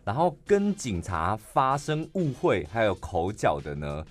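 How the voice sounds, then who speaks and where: Man, Taiwanese Mandarin accent, podcast co-host, casual news retelling, deep voice, faint music behind. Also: measured pace. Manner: chatty, frequent filler particles, animated retelling.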